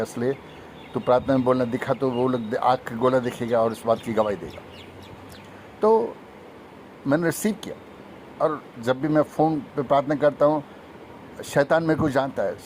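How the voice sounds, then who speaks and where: Male preacher, mid pitch, rapid emphatic testimony, light road noise behind. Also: darkish tone. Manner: fast-talking, emphatic, breaks into sung hymn. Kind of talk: Hindi testimony sermon.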